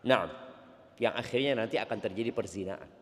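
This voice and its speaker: A man preaching a sermon to a congregation, animated and playful, addressing the audience directly. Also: fairly low pitch, fairly quick, long reverb tail.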